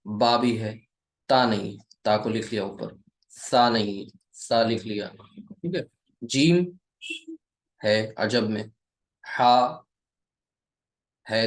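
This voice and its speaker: In an echoey room, a man with a lowish voice explains Arabic grammar at a board like a patient classroom teacher. His first language is Urdu or Hindi. He speaks deliberately and slowly, poses questions to the viewer that he then answers, and keeps saying "okay" to check in.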